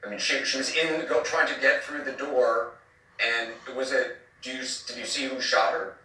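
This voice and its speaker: Interviewer on a low-quality echoey stream. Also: male voice, fairly even intonation, moderate pace, sharp tone, far from the mic. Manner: short probing questions. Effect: low-quality streamed clip audio.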